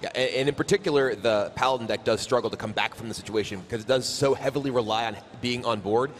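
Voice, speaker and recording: A man's voice: medium pitch, fast talker. A man giving color commentary on a card game match, explaining the plays in detail. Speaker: esports co-caster.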